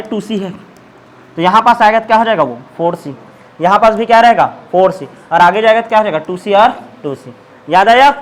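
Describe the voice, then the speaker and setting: A male biology teacher giving a classroom lecture, asking questions and answering them himself while repeating key terms. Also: high voice.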